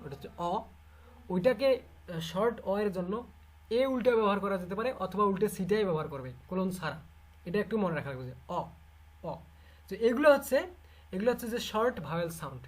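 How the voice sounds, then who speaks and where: Husky Bangladeshi teacher drilling sounds. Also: mid-range voice, darkish tone. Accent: Bangladeshi Bengali. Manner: drills sounds by repeating them and quizzing students. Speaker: English literature teacher. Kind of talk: online class lecture.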